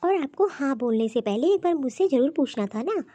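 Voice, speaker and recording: Selfish young wife from a cartoon story, stubborn and insistent in every line, with a woman acting her out. Her voice is high-pitched but mellow in tone. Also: lively intonation, brisk, no room sound, lo-fi sound.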